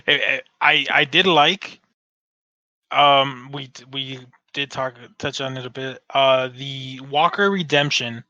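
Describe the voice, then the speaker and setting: A man's voice: fairly high pitch, sharp tone, dry recording. A man co-hosting a casual fan podcast, talking in a rambling way with many restarts and frequent swearing. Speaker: podcast co-host. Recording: dull dry lo-fi sound.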